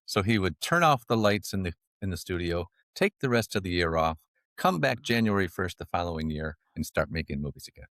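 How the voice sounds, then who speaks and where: Fairly quick and low-voiced, a financial advisor entertains a podcast interview with animated, jokey stories, laughing at his own lines. The studio sound is clean, with no room sound.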